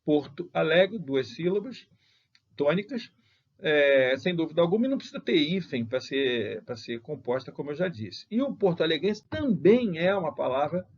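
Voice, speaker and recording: A man's voice: a little high, slightly rough. A Brazilian man teaching a grammar lesson as he corrects exercises, emphatic, and often mimicking students' objections before he rebuts them. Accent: Brazilian Portuguese. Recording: dull lo-fi lecture recording.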